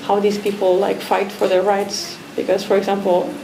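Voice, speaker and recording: In an echoey art academy pavilion with background noise, a female artist from Romania speaks as a guest in a talk, thoughtful and full of fillers and false starts. Her voice is mid-pitched, mellow and creaky, delivered in a monotone at a moderate pace.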